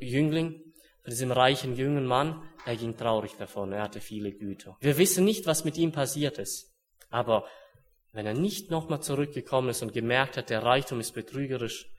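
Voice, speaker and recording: A young man preaching a sermon in an earnest way, dropping to hushed solemn words and then rising to urgent ones. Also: mid-range voice, moderate pace.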